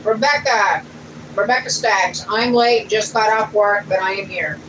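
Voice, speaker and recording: A woman's voice: mid-range voice, a little slow. Chatty woman, far from mic. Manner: homey, chatty, plainspoken. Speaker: channel co-host reading viewer comments. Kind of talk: casual family livestream chat. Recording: distant mic in a noisy room.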